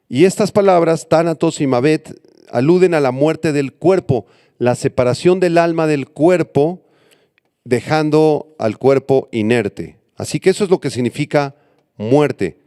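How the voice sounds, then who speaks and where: Pastor guy preaching, warm smooth voice, kinda teacherly, spells out words for notes. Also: a little high, no room sound, studio quality. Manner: teaching, spelling out Greek and Hebrew words for note-takers. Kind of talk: sermon.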